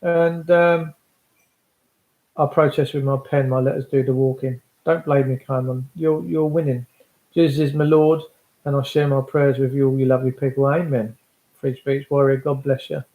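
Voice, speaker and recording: A man's voice: mid-range voice, little pitch movement, normal speed, narrow, tinny audio. Emphatic English man in an echoey room. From England. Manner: emphatic, repeats phrases for weight. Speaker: livestream host addressing followers. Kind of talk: impassioned political monologue to livestream viewers.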